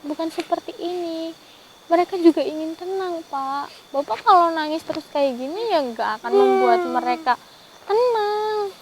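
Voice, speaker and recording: A high-voiced woman pleads gently and steadily in a soothing, persuasive tone, addressing someone with a polite title again and again. She speaks outdoors in a forest, with faint crickets and insects behind her. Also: animated, moderate pace, slight background noise, rough recording. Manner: gently pleading, repeats "Pak" often. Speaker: paranormal investigator. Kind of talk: vlog.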